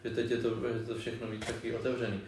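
A man's voice: medium pitch, little pitch movement, a little mellow. Rambling young man in an echoey room. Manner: rambling, slangy, full of restarts and fillers. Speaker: podcast co-host. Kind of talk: casual podcast chat. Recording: very echoey room, mic off at a distance, faint noise.

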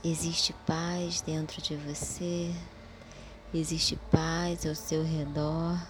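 Slow, soothing woman leading meditation. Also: deep voice, little pitch movement, slight background noise. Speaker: guided meditation leader. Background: soft music.

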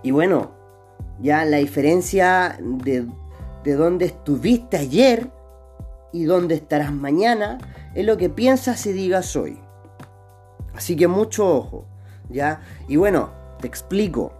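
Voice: mid-range voice, lively intonation, slow pace, darkish tone, soft background music. A speaker with a Chilean Spanish accent giving a motivational talk, posing rhetorical questions, answering them, and repeating phrases for emphasis.

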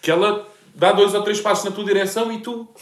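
A man's voice: sits high, a little fast, echoey room. A man in his thirties with a European Portuguese accent, casually chatting and telling stories with lots of swearing and laughter. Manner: animated storyteller, swears freely, laughs often. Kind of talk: casual chat.

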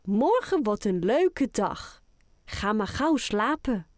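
A woman voices a doting, playful grandmother who loves singing in a children's audiobook, her delivery fond and affectionately sing-song. Her pitch is on the high side, slowly paced with a darkish tone, in a dry, studio-quality recording.

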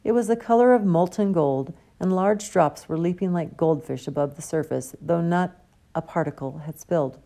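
A woman reading a novel aloud as audiobook narration, in a steady storybook manner. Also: on the low side, moderate pace, vocal fry. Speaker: audiobook reader. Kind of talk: scripted narration.

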